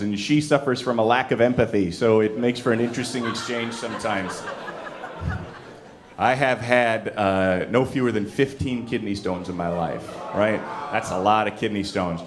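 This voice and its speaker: On a club stage, a man with a medium-pitched voice performs a brash stand-up set, teasing the crowd. It's recorded live, with audience laughter and a slight hiss or hum.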